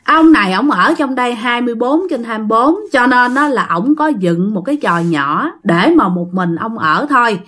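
A woman's voice: on the high side, lively intonation, normal speed, hardly any pauses, a bit bright. Chatty Southern Vietnamese woman telling ghost stories. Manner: chatty, addresses listeners directly, many fillers. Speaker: storyteller. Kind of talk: casual spoken ghost story.

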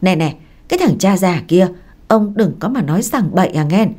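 A woman voicing a quarrelsome older village mother who shouts and curses. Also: fairly low pitch, animated, moderate pace. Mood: angry. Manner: shrieking, cursing.

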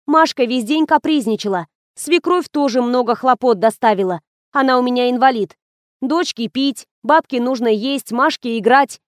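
A woman plays an anxious young mother in an audiobook, gasping and high-pitched when scared. The sound is dry and close-miked. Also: moderate pace, dry recording, close to an everyday voice. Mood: weary. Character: frightened, harried young mother.

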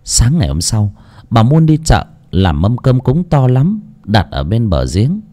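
A man's voice: medium pitch, measured pace. A man narrating a horror audiobook dramatically. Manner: dramatic, expressive. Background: faint music.

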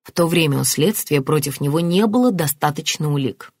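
A composed woman detective who keeps a steady, official tone, read by a woman narrator. The voice is lowish and dry, close to the mic. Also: slightly rough, no echo, exaggerated voice. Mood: calm. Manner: measured, official.

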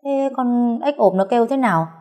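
A woman's voice: a little high, moderate pace, mellow, voice pushed up, natural voice. Woman doing a coy, teasing young pregnant wife. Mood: chatty.

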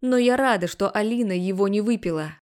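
A woman's voice: mid-range voice, fairly quick, darkish tone, lightly acted. A woman voicing a defiant young woman, a grown daughter who speaks sarcastically and firmly, in an audiobook. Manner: sarcastic, firm.

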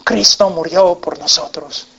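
A man preaches with slow, deliberate weight, letting each phrase land before the next. He pleads with his listeners and rises to loud, fervent peaks. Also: a little high, vocal fry, breathy edge, highs cut off. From United States. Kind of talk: sermon. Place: meeting hall.

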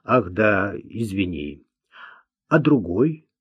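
A man voicing a calm, patient man who questions a witness firmly, in an audiobook. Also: fairly low pitch, husky, no echo, pitched below the performer's own voice, heavily acted. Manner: measured, firm, patient. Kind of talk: audiobook character voice. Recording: dull dry lo-fi recording.

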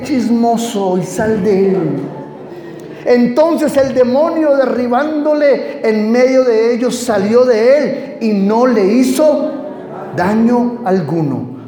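A man's voice: very high voice, mellow, echoey room, long reverb tail, slight background noise. A man preaching a sermon, reading scripture aloud and quizzing the congregation with emphatic questions.

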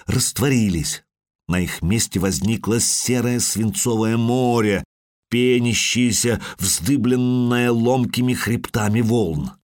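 A man narrating a fantasy audiobook in a measured, dramatic reading on a close studio mic. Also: on the low side, no room sound. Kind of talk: scripted narration.

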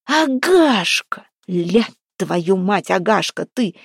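A woman voicing a hot-tempered village man with a hoarse, gruff way of barking orders. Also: on the low side, expressive, moderate pace, dry recording, studio quality. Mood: agitated.

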